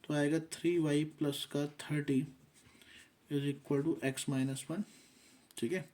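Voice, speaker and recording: A man's voice: on the high side, steady tone, slow, darkish tone. A man teaching a math lesson, working through steps methodically and mixing English terms into his explanation.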